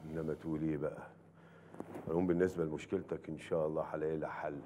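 A boastful egyptian flatterer, really low voice, talks quick. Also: male voice, a little hiss or hum. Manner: smooth-talking, flattering, boastful. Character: boastful, flattering rich man hosting a feast. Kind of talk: TV series acting.

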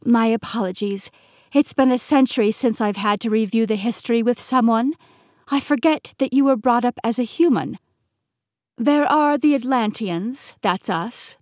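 Audiobook: measured, patient immortal keeper, woman reading, a touch high, dry close sound. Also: darkish tone, no room sound, natural voice. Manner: measured, explanatory. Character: poised immortal woman keeper explaining history.

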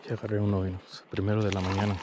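A man's voice: lowish voice, monotone, racing. A man vlogging while he fishes by a lake, chatting easily with his viewers and recorded on a body-worn camera outdoors. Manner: easygoing, chatty, addresses viewers as friends. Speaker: fishing vlogger. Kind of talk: casual vlog talk to viewers. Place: outdoors on a lakeshore. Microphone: body-worn action camera. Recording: outdoor lakeside background noise.

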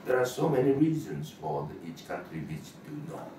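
An older man from Japan with a Japanese accent, giving a formal video address as a parliamentary chair, speaking in a measured, halting way with frequent pauses. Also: sits low, sing-song. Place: indoor room before a banner. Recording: roomy, distant, noisy room sound.

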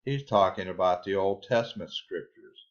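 A man giving a Bible study sermon, reading scripture aloud and then explaining it in a deliberate way. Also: low-pitched. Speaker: Bible teacher. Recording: slightly dull lo-fi recording.

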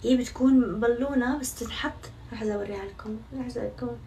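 Talking warmly and quickly in a slightly high voice, a young woman vlogs to her audience in a relaxed chat, poking fun at herself and swearing oaths a lot. The recording is a bit distant from the mic, with faint noise behind her.

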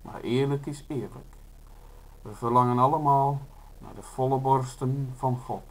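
A man reading his own literary prose in the first person. He takes his time over each line, in a steady mid-range voice at a leisurely, measured pace. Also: mid-range voice, rough recording. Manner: slow, measured, unhurried delivery.

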